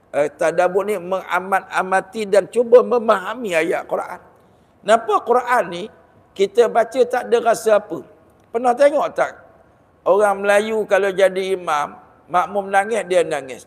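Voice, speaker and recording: A man with a Malaysian Malay accent giving a Ramadan sermon, lively and storytelling, with jokes and rhetorical questions. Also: high-pitched. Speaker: religious teacher giving a Ramadan talk. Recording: long hall reverb.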